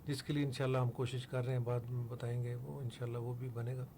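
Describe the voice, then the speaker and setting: Measured older man, radio interview guest. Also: medium pitch, flat delivery, noisy background. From Pakistan. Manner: measured, explanatory, pauses with fillers. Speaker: interview guest, foundation head. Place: radio studio.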